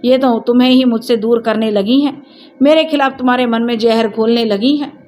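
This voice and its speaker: A woman voicing an angry young wife in a storybook tale, shouting bitter, sarcastic accusations. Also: fairly high pitch, steady tone, fairly quick, a little hiss or hum, lightly acted. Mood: furious.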